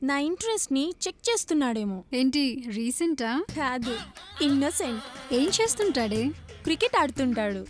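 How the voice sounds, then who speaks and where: An actress playing a young woman in a film comedy who teases her friend in quick banter. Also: sits high, very animated, music in the background. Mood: curious.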